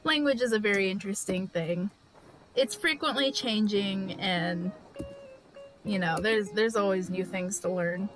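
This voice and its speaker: Here the same kind of live-stream drawing chat comes in a mid-range voice at a slightly slow pace, with music in the background and low-quality audio. The Californian woman rambles to her viewers, full of fillers, restarts, and repeated "like" and "you know."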